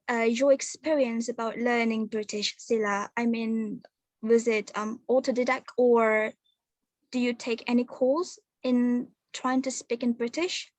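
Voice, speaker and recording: A woman's voice: a little high, dry recording. A young Indonesian woman with an Indonesian accent, a guest chatting casually in an online call and switching between English and Indonesian.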